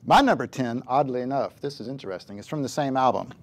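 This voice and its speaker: Man, music writer, co-host, dry wit, measured, mid-pitched voice. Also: animated, a little hiss or hum. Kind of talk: casual music chat.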